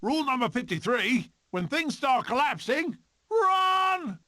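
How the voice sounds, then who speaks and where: Crazy swashbuckling weasel, game cartoon voice, sharp and raspy, wildly swooping, some noise behind. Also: male voice, very high-pitched, big pitch swings, a little slow, full character voice. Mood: alarmed. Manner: theatrical, manic barking.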